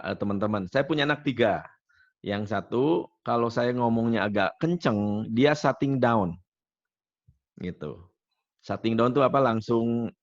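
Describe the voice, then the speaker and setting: A man of middle pitch leads a training workshop in a gravelly voice. He talks in a chatty way, mixes in personal stories and keeps asking the group questions. The sound is dull and lo-fi. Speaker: NLP trainer. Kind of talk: workshop teaching.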